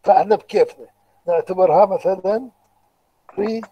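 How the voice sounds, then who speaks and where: In an online university lecture recorded through a computer microphone, a man with an Iraqi Arabic accent explains patiently, step by step, and questions his students. His voice is high and dark in tone, his pace fairly quick, and the audio is poor.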